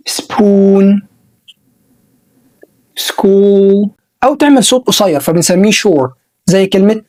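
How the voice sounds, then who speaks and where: A man with an Egyptian Arabic accent teaching English pronunciation in a video lesson. He says model words slowly and more than once, and praises the learner. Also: sits high, a little mellow. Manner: slow repeated model words, encouraging.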